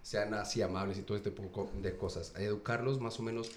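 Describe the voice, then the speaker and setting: A man speaking as a mentor in a podcast discussion, halting and full of fillers, switching between two languages. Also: fairly low pitch, steady tone. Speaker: podcast guest, mentor who builds leaders. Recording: echoey room, faint noise.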